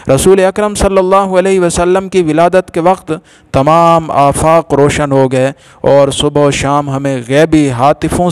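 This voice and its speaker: A man narrating a religious story in a measured, formal storytelling manner. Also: a little high, darkish tone, clean tone, no room sound.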